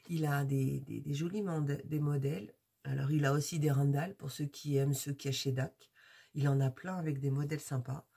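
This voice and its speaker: A woman's voice: sits low, dark tone, husky. A woman from France, a crafts YouTuber, chatting casually and rambling through a product unboxing with many hesitations.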